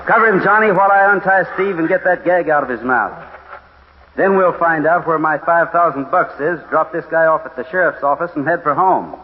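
Hosting and narrating a 1950s radio western as a singing cowboy, a man speaks briskly in a voice on the high side, relaxed and folksy. The old radio recording is dull and lo-fi, with background noise.

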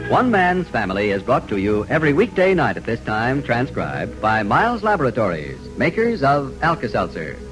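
A man's voice: medium pitch, huge pitch swings, moderate pace, few pauses, low-quality recording. A man announcing in the chipper, emphatic manner of a 1950s radio advertisement. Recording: old radio broadcast with music.

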